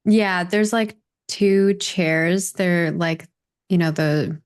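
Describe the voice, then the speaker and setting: A woman playing in a tabletop game, speaking in a relaxed, friendly way. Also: lowish voice, drawn-out words, smooth. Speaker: player.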